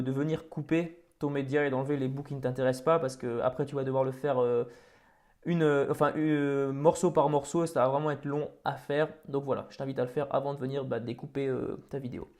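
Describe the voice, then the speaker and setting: A man hosting a software tutorial, talking casually over a screen recording with many fillers and restarts. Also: medium pitch. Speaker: tutorial host.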